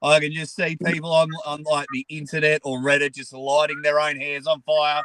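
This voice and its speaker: A man's voice: on the high side, flat delivery, normal speed, pushed and bright, no room sound, low-quality recording. An Australian man with a blocked-nose sound, chatting casually from a car in a blunt, sweary, joking way. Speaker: guest, arm wrestling personality. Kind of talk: casual chat on a live stream. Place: sitting in a car.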